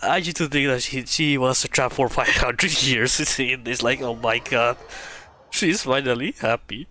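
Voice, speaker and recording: A woman streamer giving casual, excitable commentary while playing a game, gushing emotionally as she goes. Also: very deep voice, a little slow.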